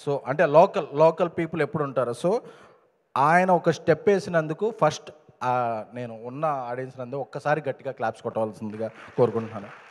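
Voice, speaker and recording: A man's voice: medium pitch, fairly quick. A man, a film producer, giving an emphatic stage speech at a film event, punching up key points and slipping in English phrases. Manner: emphatic, rising to loud stresses. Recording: reverberant event hall.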